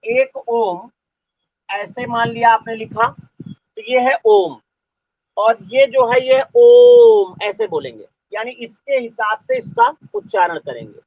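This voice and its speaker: A male teacher giving a live online class, dictating slowly and repeating phrases for students to write down. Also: very high-pitched, big pitch swings. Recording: dull lo-fi audio.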